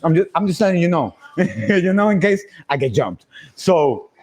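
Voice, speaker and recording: A young man with a high voice spins a casual story for his stream audience. He is animated, laughs often and acts out everyone's lines. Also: moderate pace.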